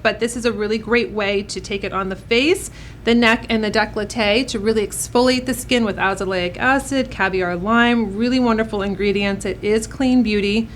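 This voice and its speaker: With a voice that's a little high, a female makeup artist talks to viewers of her beauty tutorial vlog in a cheerful, motivating manner. A slight noise can be heard in the background.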